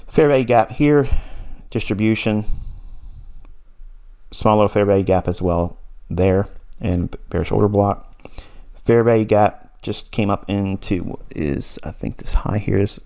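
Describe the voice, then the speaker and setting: Man, 40s, trading mentor, blunt insistent lecture, lowish voice. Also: unhurried, creaky, long pauses, warm tone. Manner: blunt, insistent, lecturing with repetition and short laughs. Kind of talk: recorded mentorship lesson on trading charts.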